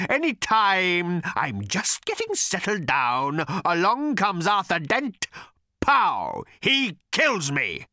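A man voicing a vengeful, hate-filled male creature who rasps, hisses and bellows. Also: bright, forceful tone, dry recording, studio quality, exaggerated voice. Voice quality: rasping, hissing, bellowing. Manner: menacing rumble rising to shrieks. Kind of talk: audiobook character voice.

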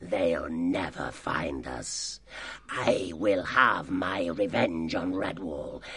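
A man voicing a cruel, cunning fox who leads a slave gang, sarcastic, menacing and boastful, with a gravelly, husky voice, in a dramatised animal tale. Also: medium pitch, expressive, takes it slowly, over a noisy crowd. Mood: gloating, vengeful. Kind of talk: dramatised audiobook character acting.

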